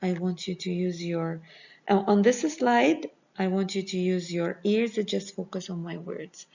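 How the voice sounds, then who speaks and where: A woman teacher going through a grammar review at an unhurried, deliberate pace. Her voice has a gravelly, fry-tinged edge, and she keeps coming back to patient reminders. The recording sounds dull and lo-fi. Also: lowish voice, dark tone. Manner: slow, patient explaining with repeated reminders.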